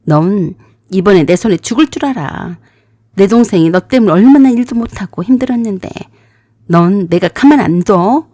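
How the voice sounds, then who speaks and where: A woman voicing a furious, sharp-tongued older sister who shouts and curses. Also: mid-range voice, lively intonation, moderate pace, dry recording, studio quality, close to an everyday voice. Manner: shouting, cursing.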